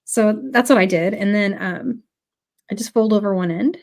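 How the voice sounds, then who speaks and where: A woman's voice: mid-range voice, moderate pace, darkish tone. A woman with a cold teaching a live beading class, chatty and full of ums as she greets viewers. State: has a cold. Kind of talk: casual live tutorial.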